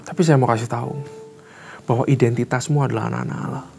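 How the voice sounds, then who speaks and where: A man's voice: medium pitch, fairly even intonation, fast, vocal fry, a little mellow, faint music behind. A man in his thirties teaching a Bible study as a conversational sermon, asking the congregation emphatic rhetorical questions in casual, colloquial phrasing.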